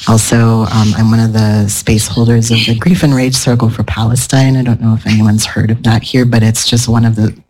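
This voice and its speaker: Brisk with hardly any pauses, a US man on a panel speaks in a level, slightly mellow, medium-pitched voice, captured in a low-quality recording. A somatic therapist addressing a live audience in an event room, he's thoughtful yet rambling in this casual talk, frequently restarting sentences.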